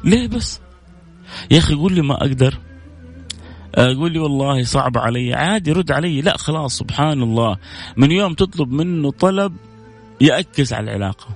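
A man's voice: a little high, expressive, fast, faint music behind. Earnest male preacher, repeating for emphasis. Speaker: religious program host. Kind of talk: sermon-style religious talk.

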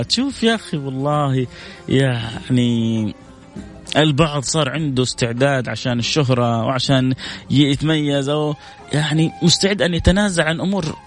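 Man, radio preacher, fast-talking, higher voice, faint music behind. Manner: fervent preacher with swings from high exclaiming to low solemn recitation. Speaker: radio religious talk host. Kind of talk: religious radio talk.

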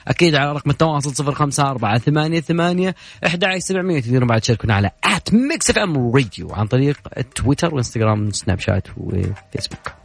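Fast-talking Saudi radio host man. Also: mid-range voice, expressive, vocal fry, no room sound. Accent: Saudi Gulf Arabic. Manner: chatty, joking, reads listener messages aloud. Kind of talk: casual late-night radio chat. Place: radio studio. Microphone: studio microphone.

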